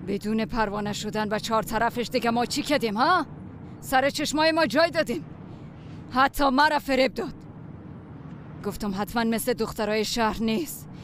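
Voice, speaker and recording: A woman's voice: a little high, fairly bright tone, slight background noise, close to an everyday voice. An actress with a Tajik accent playing a bitter mother who complains about her daughter-in-law. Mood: scornful. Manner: scornful, complaining.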